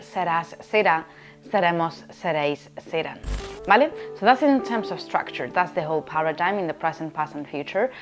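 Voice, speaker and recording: A woman from Spain, a language teacher explaining grammar in an online lesson, often checking in with "okay?". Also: lowish voice. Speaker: Spanish teacher.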